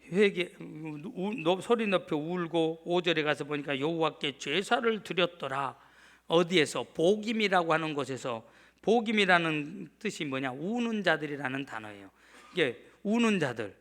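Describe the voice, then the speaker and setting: A man's voice: a little high, lively intonation, moderate pace, fairly bright tone. A middle-aged male pastor preaching a sermon emphatically, often asking the congregation to answer back. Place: church sanctuary.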